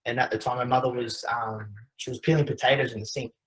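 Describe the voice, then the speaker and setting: A young Australian man tells a personal story with a quick, conversational flow. His voice sits at a middling pitch, and his hesitations and quoted dialogue keep it informal. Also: steady tone, fairly bright tone, rough recording. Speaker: presenter.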